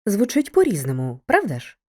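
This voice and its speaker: A woman narrating a scripted educational video lesson, speaking to the student in a clear, measured way. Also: medium pitch, huge pitch swings, mellow.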